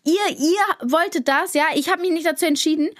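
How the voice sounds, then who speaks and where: A woman's voice: extremely high pitch, fairly quick. A teenage girl co-hosting a family podcast, arguing indignantly and talking over her mother. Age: teens. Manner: argumentative, indignant, talks over others. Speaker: podcast co-host, daughter. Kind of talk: casual family podcast banter.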